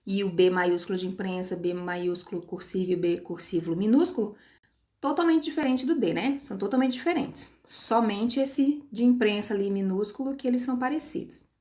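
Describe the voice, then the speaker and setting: A woman's voice: mid-range voice, normal speed, a little mellow. Patient woman teacher, stretching syllables. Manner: frequent tag questions to pupils. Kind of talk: recorded online lesson.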